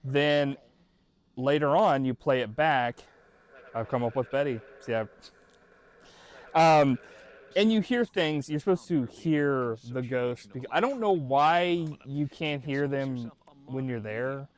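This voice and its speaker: A man's voice: medium pitch, slow. A man hosting a casual, jokey reaction commentary on an old show, swearing now and then and acting out mock quotes. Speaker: host reviewing an old TV show.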